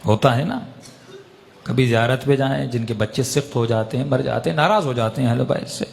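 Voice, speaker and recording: A man's voice: medium pitch, vocal fry, a little mellow. A man preaching in an emotional storytelling sermon, impassioned and rising to raised pleading peaks. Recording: long hall reverb.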